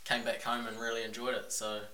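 Speaking briskly in a monotone, this mid-range, sharp-toned man is a New Zealand business owner with a Kiwi accent, guesting on a podcast. His talk is a casual, frank, easygoing interview chat, and the audio has a faraway mic, room echo and a light hiss.

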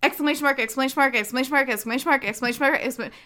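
A woman's voice: high voice, very fast, bright, forceful tone. A woman co-hosting a casual chat podcast, emphatic and opinionated, in a mock rant. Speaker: podcast co-host.

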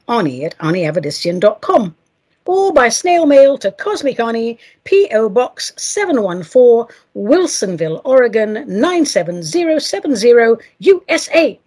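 Husky, playful woman podcast host. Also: a little high, a little mellow. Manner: playful, theatrical, campy asides. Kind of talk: solo podcast reading listener mail.

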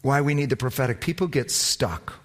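A man preaching as a pastor, telling a personal story in an animated way that swings between loud emphasis and hushed low tones. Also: moderate pace. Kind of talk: storytelling sermon.

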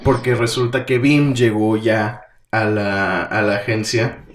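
A man's voice: on the low side, steady tone, slow. A man, co-hosting a podcast, who retells a comic plot in casual chat, full of fillers and acted-out quotes. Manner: rambling, many fillers, acts out quotes. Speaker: podcast co-host. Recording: roomy echo, faint noise.

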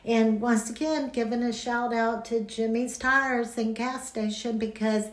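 Chatty higher-voiced woman, roomy sound. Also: steady tone, a little slow. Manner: chatty storyteller, laughs often. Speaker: podcast co-host. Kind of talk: casual chat. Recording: roomy echo.

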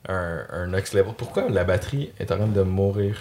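A man's voice: low voice, fairly even intonation, normal speed, a little mellow, a little hiss or hum. A man with a Quebec French accent hosting a podcast, rambling casually with lots of fillers and laughs. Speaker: podcast host. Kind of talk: casual chat.

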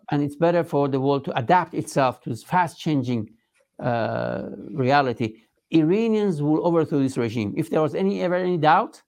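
A man with a Persian accent giving an interview as a political spokesman, speaking emphatically and formally, with halting phrasing. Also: on the high side, creaky, darkish tone. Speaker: resistance movement spokesman being interviewed.

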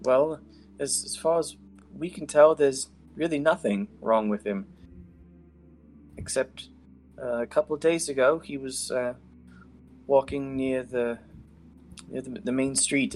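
A man's voice: mid-range voice, a little mellow, soft background music, pitched above the performer's own voice, natural voice. A man voicing a hesitant woman healer who halts and hedges with ums in a tabletop game. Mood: puzzled. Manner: halting, full of ums and "I guess". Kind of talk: tabletop game role-play.

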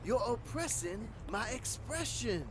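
An actor playing an indignant bohemian street hipster in a comedy audio drama. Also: male voice, very high-pitched, big pitch swings, unhurried, heavy background noise, heavily acted.

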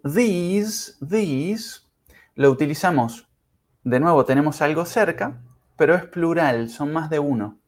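A man teaching English pronunciation in a podcast lesson, speaking carefully and demonstrating sounds slowly. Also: fairly high pitch. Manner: slow, careful, exaggerated pronunciation drills.

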